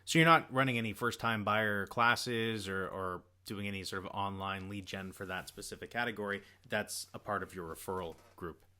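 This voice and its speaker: Canadian male host, bright voice, slightly low, chatty interviewer who recaps before asking. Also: fairly even intonation, normal speed, hardly any pauses. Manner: friendly, leading questions with summaries. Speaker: podcast host. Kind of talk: casual interview. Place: Toronto-area.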